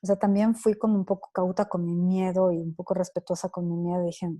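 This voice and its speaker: A woman's voice: on the low side, a little fast. A woman in her thirties answering parenting questions at a conference, chatting casually and acting out little dialogues with children. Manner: laughs easily, lively quoting. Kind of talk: conference Q&A talk.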